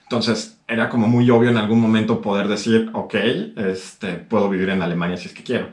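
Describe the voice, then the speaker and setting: Hesitant low-voiced man, Mexican accent. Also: flat delivery, a little fast, darkish tone, echoey room. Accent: Mexican Spanish. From Peru. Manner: hesitant, many fillers. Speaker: guest. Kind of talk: casual chat.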